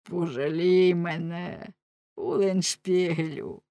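A woman voicing a wounded old male werewolf fishmonger who begs for mercy in a slow, wailing voice. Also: fairly low pitch, steady tone, mellow, dry recording. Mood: begging.

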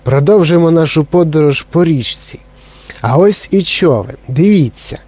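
Man doing an excitable, eccentric candy maker. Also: fairly high pitch, pitched above the performer's own voice. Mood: excited. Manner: brisk and excitable.

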